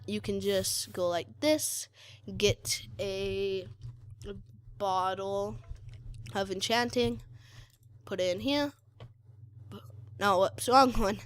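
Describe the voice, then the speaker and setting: A woman giving casual commentary while showing a game mod, hesitant and chatty, full of fillers and frequent self-corrections. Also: medium pitch. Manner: hesitant, many fillers, corrects herself often; chatty and easily sidetracked.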